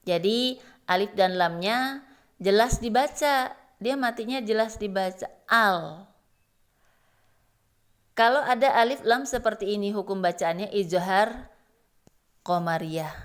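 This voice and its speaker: A woman's voice: medium pitch, a little slow, pauses often. A woman giving a recitation lesson, explaining rules patiently and chanting verse examples. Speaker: Quran recitation teacher.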